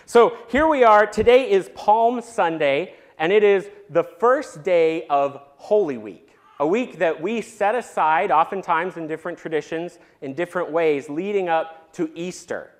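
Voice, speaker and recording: A man preaching a Palm Sunday sermon as a pastor, in a conversational, animated manner. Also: high-pitched, a little slow, few pauses.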